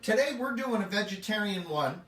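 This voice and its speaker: A man's voice: sits high, expressive, moderate pace, a bit bright, echoey room, far from the mic, a little hiss or hum. A man hosting a home cooking show, chatty and upbeat as he walks through a recipe and jokes with the camera operator. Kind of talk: casual cooking demonstration. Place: home kitchen.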